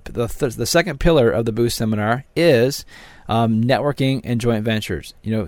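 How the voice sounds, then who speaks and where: A man's voice: medium pitch, a little mellow, no room sound. Motivational male seminar host, dry close sound. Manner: motivational sales patter, direct address to listeners. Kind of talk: promotional teleseminar talk.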